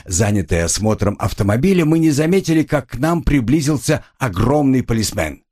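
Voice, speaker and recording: A man narrating a travel book in a dramatic, expressive storytelling manner. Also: mid-range voice, a little fast.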